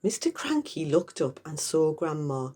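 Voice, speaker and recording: A woman reading a children's story aloud with expressive, dramatic emphasis. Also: deep voice, unhurried, breathy edge. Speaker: storybook reader. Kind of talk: animated scripted children's story narration.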